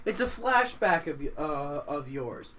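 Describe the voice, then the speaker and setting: A man narrates as game master, his high voice swinging up and down with lots of life. He talks slowly and haltingly, full of fillers, in a bright, forceful tone. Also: big pitch swings. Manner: halting, hesitant, with frequent fillers.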